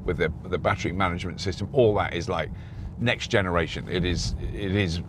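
Man, middle-aged, car review host, rambling talk at the wheel, deep low voice, steady road rumble behind. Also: a little fast. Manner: rambling, with frequent restarts. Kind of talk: casual review while driving. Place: inside a moving car. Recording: road noise in a moving car.

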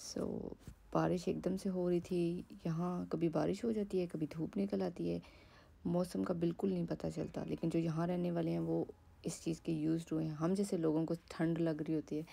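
A woman's voice: low-pitched, vocal fry, mellow, slightly rough. A woman in her thirties from Pakistan, chatting casually to camera in a travel vlog, mixing in English words, recorded on a phone set at a distance in a hotel apartment. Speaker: vlogger. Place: hotel apartment room, indoors.

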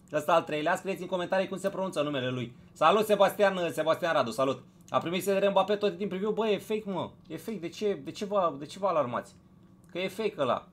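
A man's voice: a little high, slight background noise. Chatty man hosting a casual live stream. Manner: chatty, greets viewers one by one, repeats phrases, pushes for likes.

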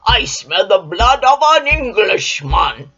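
A gruff male giant bellows his demands from a storybook, as a woman reading aloud puts him on. The voice booms loud and low, with a breathy edge. The lo-fi recording leaves it dull and muffled. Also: sing-song, slow pace, full character voice. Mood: bellowing.

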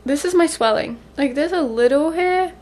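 A woman's voice: high voice, expressive, normal speed, darkish tone. A woman in her twenties talking casually to a camera at home. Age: 20s. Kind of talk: casual vlog talk to camera. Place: living room.

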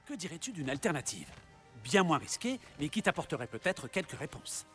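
A theatrical schemer in a game drama. His fairly high voice swings freely as he delivers eloquent, sardonic lines over faint music. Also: very animated, a little fast, fairly bright tone. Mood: coaxing, wry. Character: wry, theatrical, smooth-talking male schemer. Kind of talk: video game drama acting.

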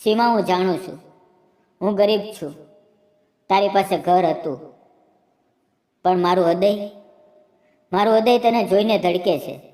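A woman's voice: mid-range voice, unhurried, long pauses, mellow, close to an everyday voice. A woman voicing a tender, poor widowed father in an emotional storybook narration. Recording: echoey room, long reverb.

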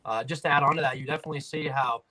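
A man who trains people speaks on a video call in a measured, explaining way. His voice is bright and forward. The sound is a plain webcam call. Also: medium pitch, steady tone, low-quality recording. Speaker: fitness trainer. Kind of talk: video call panel discussion.

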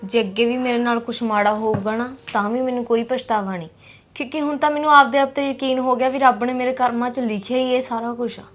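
A woman's voice: fairly high pitch, steady tone, quick pace. A woman with a Punjabi accent acting a tired, long-suffering sister in a drama. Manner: weary and resigned. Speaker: actress playing a suffering sister.

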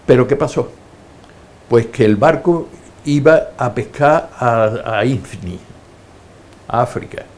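Speaking slowly and pausing often, an older man with a mid-range voice shares his life stories in an interview. His anecdotes are lively, and he acts out the voices of the characters he quotes.

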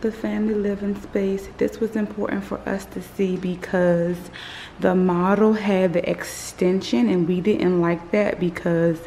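A woman's voice: mid-range voice, fairly even intonation, unhurried, dark tone, slight background noise. A woman in her thirties chatting casually to her phone camera, rambling with fillers as she talks. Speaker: vlogger. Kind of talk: casual vlog chat. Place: parked car, then an unfinished house. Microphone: phone held at arm's length.

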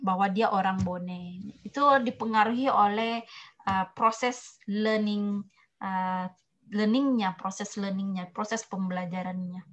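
A woman's voice: mid-range voice, fairly even intonation, dull audio. Hesitant woman lecturer explaining. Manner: hesitant, many fillers and restarts; explains slowly with spoken examples. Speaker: lecturer answering a student. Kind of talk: casual academic discussion.

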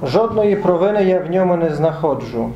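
A man's voice: on the high side, animated, a little fast, dull audio, a little hiss or hum, close to an everyday voice. A man reading Pilate's questions in a liturgical Passion reading in church, in a plain questioning tone. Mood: stern. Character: Pilate, questioning Roman governor. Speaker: reader of Pilate's words. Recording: echoey church room.

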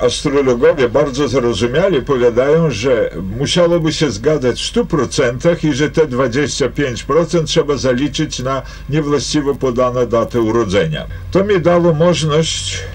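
An older man, a former fishing-school teacher, recalling his methods deliberately with hesitations. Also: mid-range voice, husky.

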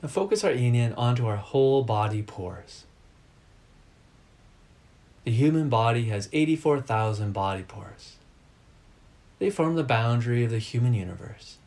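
Speaking at a medium pitch and a very slow pace, a man leads a guided meditation as its teacher. His instructions come in short, measured phrases, calm and deliberate.

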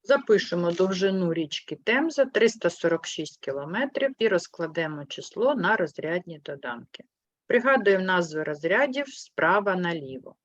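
A patient woman teaching young pupils, her voice sitting a little low and her questions clear and unhurried. The sound is close and dry, with a muffled, lo-fi edge. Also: lively intonation, no echo. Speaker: primary school teacher. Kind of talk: online class lesson.

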